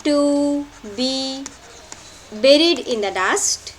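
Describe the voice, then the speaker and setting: A woman teaching a play in a lecture, slowly and emphatically, repeating key phrases for notes. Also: high voice, animated, a little hiss or hum. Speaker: literature teacher. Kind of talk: lecture explaining a play line by line.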